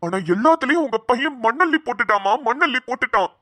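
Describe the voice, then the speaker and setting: Woman doing a furious, shouting cartoon father. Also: fairly high pitch, animated, fast, no room sound. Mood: angry. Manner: shouting, bitter. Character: furious middle-aged father, male, hot-tempered. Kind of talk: cartoon voice acting.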